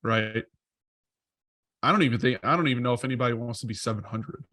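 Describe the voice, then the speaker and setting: Podcast co-host, male, mid-pitched, meandering talker, dead-dry close-miked sound. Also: fast talker, pushed and bright, no echo. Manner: rambling, thinks aloud with frequent self-corrections. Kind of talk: casual podcast chat.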